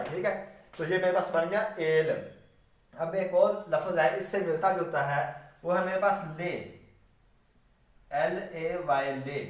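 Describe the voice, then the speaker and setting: Echoey distant man teaching shorthand. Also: sits high. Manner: patient, repetitive explaining, frequent "theek hai" checks; spells out words slowly letter by letter. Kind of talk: classroom lecture.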